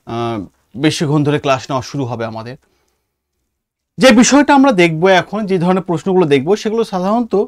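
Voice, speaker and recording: A history teacher preparing students for exams speaks with an Indian Bengali accent in an online lesson, explaining emphatically and often checking understanding with short questions. Her voice is medium-pitched, recorded at studio quality with no room sound.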